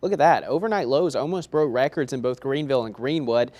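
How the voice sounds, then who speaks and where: A man's voice: mid-range voice, brisk, a little mellow. A man delivering a TV weather report as a forecaster, in a chatty, conversational on-air manner.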